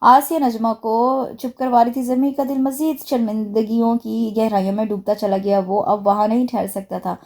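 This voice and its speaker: Woman narrating a novel, mellow voice. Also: fairly high pitch, fairly even intonation, normal speed, hardly any pauses. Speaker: audiobook narrator. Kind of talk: dramatic novel reading.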